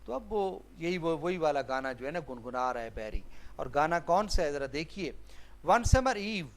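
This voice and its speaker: A man's voice: a little high, lively intonation. A male teacher explaining a play line by line, listing English synonyms and switching between English and Urdu. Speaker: literature teacher.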